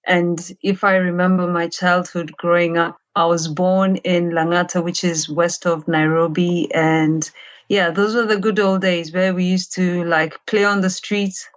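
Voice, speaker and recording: A woman from Kenya with a Kenyan accent, a children's author answering interview questions in a reflective, unhurried way. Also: on the low side, lo-fi sound. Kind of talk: conversational interview.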